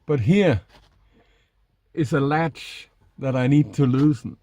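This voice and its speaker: A middle-aged man speaks haltingly in a casual demonstration vlog, recorded inside a small minivan camper. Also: medium pitch, mellow. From Denmark. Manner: hesitant, halting delivery while working. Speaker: vlogger. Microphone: camera a short distance away.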